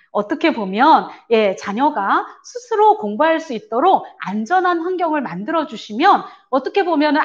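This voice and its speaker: A woman's voice: sits high, lo-fi sound. A woman giving a parenting seminar, explaining earnestly with many fillers, now and then acting out a parent's lines in a raised voice. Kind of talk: church parent seminar lecture.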